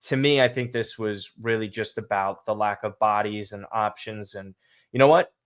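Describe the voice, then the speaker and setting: A man's voice: fairly low pitch, moderate pace, clean tone. A man with a slight lisp hosting a soccer podcast livestream, talking casually and emphatically to his viewers. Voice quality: slight lisp from dental aligners.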